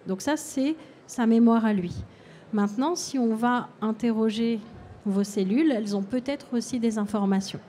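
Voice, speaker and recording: A woman hypnotherapist giving a calm, explanatory public talk and answering audience questions at a fair. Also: a little high, normal speed, a little hiss or hum.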